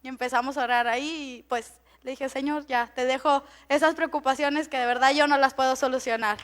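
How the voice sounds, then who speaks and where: High-voiced woman pastor preaching. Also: fairly even intonation, a little fast. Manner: chatty, laughs often, stumbles over words. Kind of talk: sermon with personal story.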